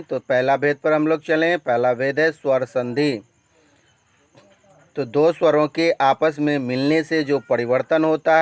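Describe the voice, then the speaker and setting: A man teaching a grammar lesson with a Bihari Hindi accent, slow and deliberate, drawing out each example and repeating his points. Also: medium pitch, clear, resonant tone, dry recording.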